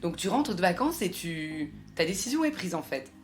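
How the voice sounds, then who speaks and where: French female podcast host, low-pitched, light music underneath. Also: big pitch swings, moderate pace. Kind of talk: scripted intro then casual interview.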